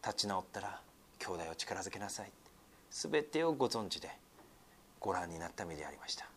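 A man preaching a sermon, reading scripture loudly and then dropping to soft, almost whispered asides, chatty and full of fillers. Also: low voice, sing-song, fast, a little hiss or hum. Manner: conversational, with many fillers and tag particles. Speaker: pastor.

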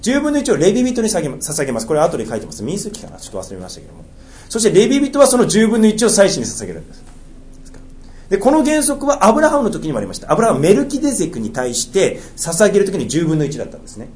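Male preacher, somewhat high voice with a very lively pitch, reads scripture then drops to quiet remarks. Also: racing. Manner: swings between raised reading and low asides, jokes lightly. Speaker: pastor. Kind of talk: sermon with scripture reading.

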